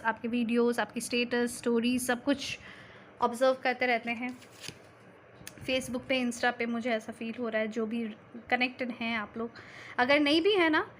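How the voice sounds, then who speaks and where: Woman, tarot reader, reassuring and chatty, slightly higher voice, faint hiss behind. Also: fairly bright tone. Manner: reassuring, mixes Hindi and English, frequent "theek hai?". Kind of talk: tarot reading to camera.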